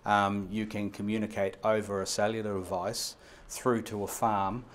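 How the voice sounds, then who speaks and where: With a lowish voice and flat delivery, a New Zealand radio equipment supplier in his fifties is interviewed in an indoor showroom. The lapel mic catches slight background noise, and he races through run-on explanations with lots of fillers and restarts.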